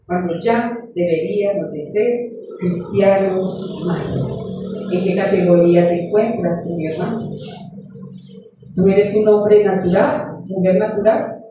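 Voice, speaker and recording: Woman preacher, earnest sermon, mellow voice, echoey church room. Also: mid-range voice, unhurried, slight background noise. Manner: earnest, storytelling, addresses the congregation warmly as beloved. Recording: echoey room, far from the mic.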